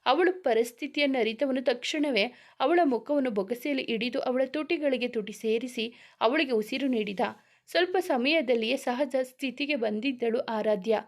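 A woman narrating a romantic storybook in a steady, expressive reading style. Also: high voice, normal speed.

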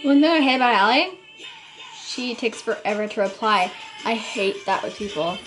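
Giggly drunk young woman, high lively voice. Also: moderate pace, rough recording. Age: 20s. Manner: giggly drunk, rambling, exclaiming. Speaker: vlogger hosting a makeup challenge. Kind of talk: casual chat. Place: small bedroom, indoors. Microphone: camera at about arm's length. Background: music playing.

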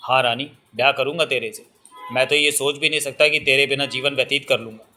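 An earnest young village lover, protective and devoted, read by a male narrator. The tone is bright, in an audiobook novel. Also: medium pitch, steady tone, fairly quick, soft background music. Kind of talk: audiobook reading.

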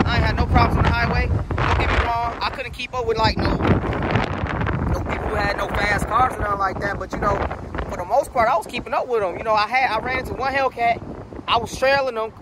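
A man's voice: very high voice, fairly even intonation, brisk. A man giving a casual, slangy and profane walkaround of a car, talking straight to his viewers while filming outdoors on a handheld phone. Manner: slangy, loose and profane, addresses viewers directly. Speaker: car vlogger. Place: outdoors beside a parked car. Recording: outdoor wind noise on the mic.

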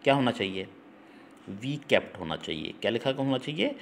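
A man of ordinary pitch teaches English grammar in a Hindi-language class. He keeps checking in with listeners and spells words out letter by letter. A faint background noise sits under the voice. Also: big pitch swings, fast talker. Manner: repetitive, checks in with listeners (ठीक? हम्म?). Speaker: English teacher for exam prep.

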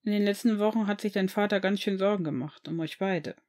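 Brief: a warm, easygoing young man, friendly and reassuring, read by a woman in her own voice, audiobook reading. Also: medium pitch, a little fast, lightly acted. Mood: earnest. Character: young man, warm cheerful shop owner.

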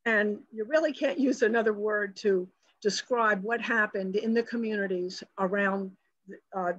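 A woman's voice: medium pitch, measured pace, a bit bright, dry recording. A woman presenting a virtual slideshow lecture, talking earnestly with frequent fillers and restarts over a video call. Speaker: conservation presenter. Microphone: webcam or computer mic on a video call. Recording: dull, dry video-call audio.

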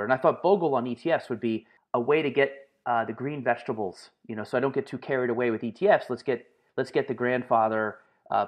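A man being interviewed on a podcast, answering in long, lively stories with frequent fillers. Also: mid-range voice. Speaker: guest, market analyst and author.

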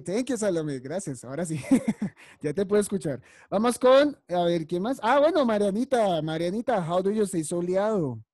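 On a video call, a woman teaches English vocabulary to young children in an online class, patiently encouraging them and calling on each child by name. Her mid-range voice is expressive and dark-toned at a normal speed, recorded in clean studio sound with no room noise.

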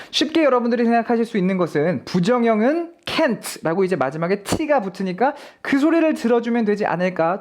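Lively-voiced male English teacher. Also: high-pitched. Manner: explaining clearly, addressing viewers. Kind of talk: online pronunciation lesson.

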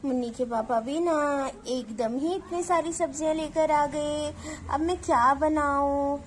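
A homely village mother from a doll cartoon, voiced by a woman. She coaxes and fusses in a sing-song way, with a very high voice. There is faint noise behind her. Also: steady tone, unhurried.

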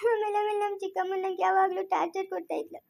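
A woman's voice: very high voice, little pitch movement. Woman playing a timid, tearful young village woman. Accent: rural Chikkaballapur Kannada. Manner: soft, halting, tearful storytelling. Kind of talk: homemade village family skit.

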